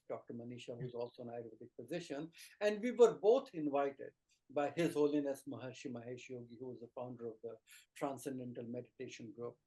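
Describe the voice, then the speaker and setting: Over poor-quality audio, a middle-aged Ayurvedic teacher from rural India talks earnestly in a mid-range, darkish voice with an Indian accent. As an interview guest, he develops his points through short phrases and lists.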